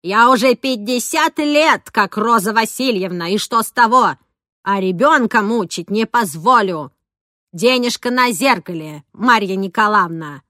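A woman's voice: mid-range voice, sing-song, unhurried, fairly bright tone, no echo, clean studio sound. A woman reading an audiobook, voicing a blunt, protective nanny of fifty who scolds. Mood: scolding. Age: 50s. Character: stern, gruff female nanny, fifty, protective. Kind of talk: audiobook character voice.

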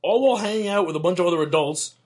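A young man co-hosting a relaxed podcast, rattling along at a quick clip. His voice is slightly husky and sits a bit high. He rambles, jokes, and restarts his sentences as he goes. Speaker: podcast co-host. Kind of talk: casual chat.

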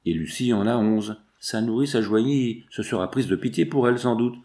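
A man's voice: mid-range voice, normal speed, dark tone, close to an everyday voice. A man voicing a distressed woman prisoner who is regaining her memory, asking anguished, pleading questions. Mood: reflective.

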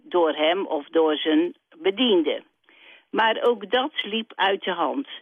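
A woman from the Netherlands calling in to a radio show over the phone, telling a story in a plain, steady way. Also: on the low side, takes it slowly, no room sound. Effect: heard over a telephone line. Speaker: radio call-in caller. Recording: dry, tinny phone line.

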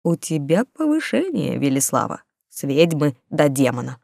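A woman's voice: deep voice, sing-song, normal speed, gravelly, darkish tone, no room sound, studio quality, heavily acted. Casting: sarcastic male rat familiar, read by a woman, grumbly, sly, storybook. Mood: snide grumbling. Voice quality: grumbling, snide.

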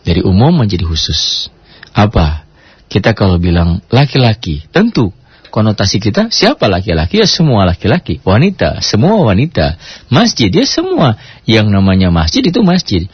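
A man teaching a Quran reading lesson, lively and drawing out Arabic words to demonstrate them. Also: on the low side, moderate pace, breathy edge, dry recording. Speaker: Islamic teacher. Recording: dull lo-fi sound.

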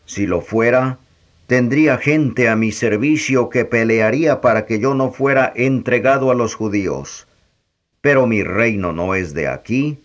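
A man reading a calm, solemn teacher. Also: mid-range voice, a little slow, natural voice. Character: calm teacher, adult man, serene and firm.

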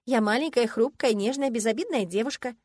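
A woman voicing a feisty young woman student in an audiobook, speaking in loud, indignant exclamations. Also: a little high, brisk, slightly rough, no room sound, pitched above the performer's own voice.

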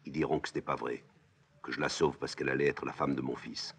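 A man's voice: rumbling low, steady tone, fast talker, a bit bright, a little hiss or hum. A man reading a weary, grave old king. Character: aging king, stern, weary and grimly resigned.

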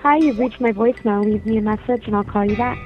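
Woman's quick answering machine greeting. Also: mid-range voice, soft background music. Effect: answering machine greeting played over a phone call. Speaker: voicemail greeting owner. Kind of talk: brief recorded voicemail greeting. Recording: muffled phone line.

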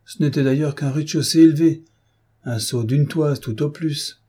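An imperturbable old servant speaks in a dry, sententious deadpan, never rattled. A man reading a classic novel aloud puts him on in a mellow, husky tone. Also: medium pitch, normal speed, close to an everyday voice. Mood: resigned. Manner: calm, sententious, unflappable. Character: phlegmatic, deadpan old male manservant.

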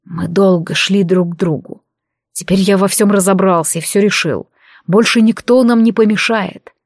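Woman voicing a dragon king, man, low velvety tone, slow and hushed, intimate, storybook, dry sound. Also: fairly even intonation, no room sound, natural voice. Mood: tender. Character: calm, passionate male dragon king.

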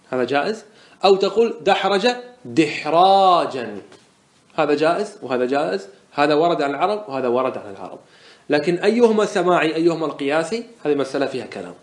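A sheikh teaching a lesson on Arabic morphology, who drags out example words slowly and asks and answers his own questions. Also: on the high side. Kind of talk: classroom lesson explaining verse. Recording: echoey room sound.

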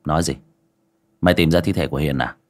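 A man voicing a grieving young father who speaks harshly and shouts in anger. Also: rumbling low, quick pace, voice pushed down. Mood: tense.

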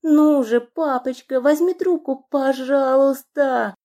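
A woman voicing a frightened but sharp-tongued young woman in an audiobook. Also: medium pitch, animated, unhurried. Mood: pleading. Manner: pleading, then sarcastic and defiant. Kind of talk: audiobook character reading.

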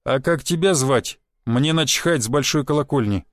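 A man voicing a tough, commanding mercenary chief who talks down gruffly. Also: mid-range voice, moderate pace, dry recording, close to an everyday voice.

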